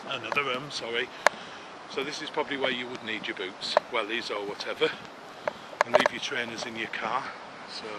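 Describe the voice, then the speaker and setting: In a casual walking vlog through the woods, a middle-aged man with a mid-range voice narrates in a chatty, rambling, self-deprecating manner, slightly out of breath. Outdoor noise and clicking come through his camera-mounted mic as he walks.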